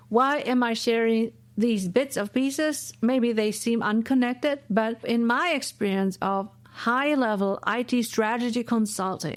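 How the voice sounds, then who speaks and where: A woman from Asia in her forties hosts a solo podcast from her home office, her high-leaning voice free of echo. She explains her points in a lecturing style, frequently tacking on "right?".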